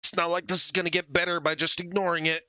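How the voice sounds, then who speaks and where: Bright-voiced guy ranting over his game, lively, slow-paced, dry close mic. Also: fairly high pitch, smooth, no echo. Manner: sarcastic, animated. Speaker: let's play commentator. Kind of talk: gameplay commentary.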